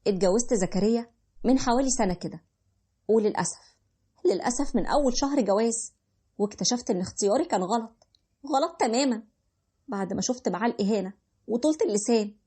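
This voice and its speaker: A woman's voice: a little high, fast talker, long pauses, mellow, slightly rough. A young woman in her twenties with an Egyptian accent, narrating a first-person story in an emotive, plaintive way. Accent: Egyptian Arabic. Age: 20s.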